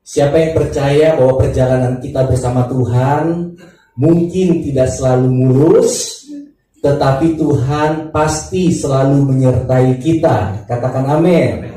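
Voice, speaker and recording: A man from Thailand serving as pastor, praying and then preaching a sermon in a church service and inviting the congregation to answer back, unhurried and with pauses. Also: a little high, dark tone. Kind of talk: sermon with opening prayer. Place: church worship hall. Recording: very echoey hall, mic at a distance, faint music.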